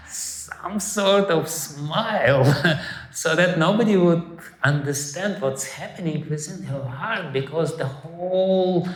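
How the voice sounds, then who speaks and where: Unhurried high-voiced man telling a sacred story. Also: roomy sound. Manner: unhurried, with frequent fillers and chuckles. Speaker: spiritual teacher. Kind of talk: storytelling sermon. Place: lecture hall.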